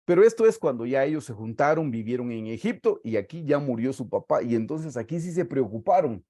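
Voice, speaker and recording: A man with a Guatemalan Spanish accent delivering a sermon. He reads scripture aloud and slows down to stress key words. His voice sits at a middle pitch, recorded dry and close. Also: expressive, dark tone, no room sound. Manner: preaching, reading scripture aloud with slow emphatic stresses. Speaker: pastor.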